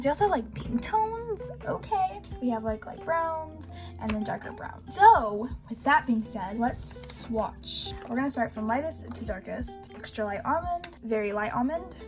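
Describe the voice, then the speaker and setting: A woman with a cold talks through her drawing in a casual, gushing way, clearly enjoying the process. Her voice sits a little high. Soft music plays faintly underneath. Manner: bubbly and gushing. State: has a cold. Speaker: art vlogger. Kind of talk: casual voice-over narration of a drawing.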